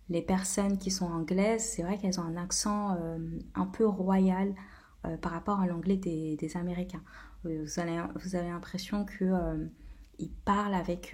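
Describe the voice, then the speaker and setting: A woman's voice: on the low side, warm tone. A woman hosting a casual explainer video, talking with many hesitations and filler sounds. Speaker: video host.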